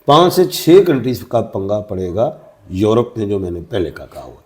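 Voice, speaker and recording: A man's voice: fairly low pitch, big pitch swings, a little mellow. Emphatic Pakistani man making predictions. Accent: Pakistani Urdu. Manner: emphatic, declaring, list-like. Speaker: astrologer guest. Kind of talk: interview answers, predictions.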